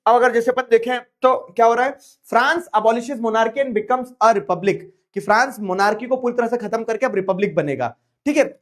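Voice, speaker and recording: A man teaching an online history class in a playful way, mixing Hindi with English terms and slowly repeating key phrases. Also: extremely high pitch.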